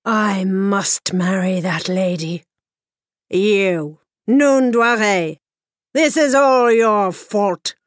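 A woman voicing a proud, demanding fairy-tale king who speaks slowly and emphatically. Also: a little high, huge pitch swings, dry recording, clean studio sound, full character voice. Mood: commanding. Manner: commanding, slow and emphatic.

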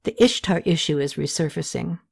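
A woman voicing a soft-spoken, loyal male royal scribe who delivers bad news quietly. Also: creaky, breathy edge, exaggerated voice. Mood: grave. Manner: quiet, low and measured.

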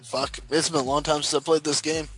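A man's voice: fairly high pitch, little pitch movement, a little fast, fairly bright tone. Man co-hosting casual gaming banter, music behind. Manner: heavy casual swearing. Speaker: gaming show co-host. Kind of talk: casual video game banter.

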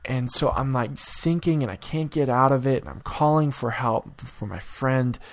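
A young man from the Vancouver area giving a casual daily devotional talk, relaxed and chatty with many fillers and restarts. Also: mid-range voice, moderate pace. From Vancouver area, Canada. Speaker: youth devotional speaker.

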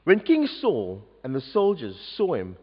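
A man leads an interactive children's story at a church service and cheerfully coaxes everyone to join in. His voice is high and animated, and he speaks slowly. The recording is dull and lo-fi, with a long hall reverb. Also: slightly rough. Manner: animated, coaxing audience participation. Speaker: youth leader telling a story at a service. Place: large church.

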